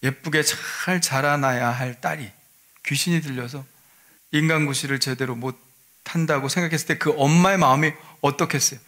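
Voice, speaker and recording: A man's voice: fairly high pitch, moderate pace, fairly bright tone. A male pastor giving a sermon in a conversational way, often asking his listeners rhetorical questions.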